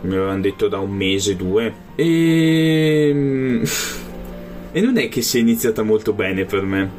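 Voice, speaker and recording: A man whose voice is disguised with a deep pitch shift, sitting for an anonymous interview. He talks in a low, loose, rambling way with lots of hesitation. A faint guitar tune plays in the background. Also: animated, unhurried, a little mellow. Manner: rambling, hesitant, with many fillers and self-corrections. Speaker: anonymous interviewee, tabletop role-player. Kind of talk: casual interview chat.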